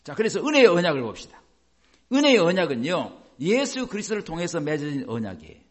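A man's voice: a little high, wildly swooping pitch, fast talker. A man preaching a sermon as a pastor, explaining by asking the congregation questions and acting out quoted voices.

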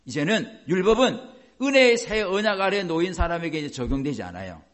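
A man's voice: high-pitched, sing-song, fairly quick. A man preaching a sermon as a pastor, explaining by asking the congregation questions and acting out quoted voices.

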